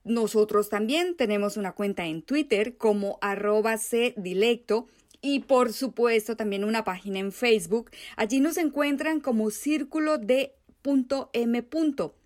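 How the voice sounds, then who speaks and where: Woman, radio host, recording from home, fairly high pitch, measured announcer delivery. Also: a little mellow. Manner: measured, reads out contact details and guest introduction.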